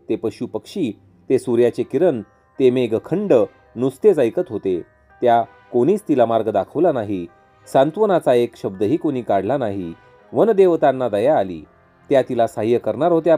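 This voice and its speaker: Mellow-voiced male epic storyteller. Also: mid-range voice. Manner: dramatic, vivid, rhythmic storytelling. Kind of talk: devotional epic story narration. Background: faint music.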